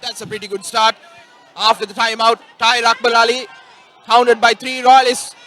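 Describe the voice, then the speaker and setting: A man giving energetic live commentary and analysis at a school basketball final, calling out plays loudly. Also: extremely high pitch, normal speed. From Sri Lanka. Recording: crowd noise faint behind.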